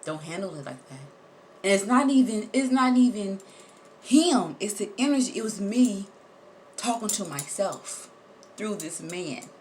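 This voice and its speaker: A woman telling a personal story straight to her viewers, animated and emphatic, repeating words for effect and swearing casually. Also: medium pitch, unhurried, a little hiss or hum. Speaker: vlogger.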